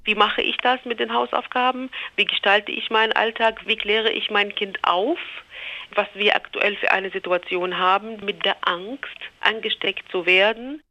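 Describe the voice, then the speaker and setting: A woman from Palestine, a child psychiatrist, explaining things in a measured way over the telephone. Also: medium pitch, fairly even intonation, bright, forceful tone. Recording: telephone line.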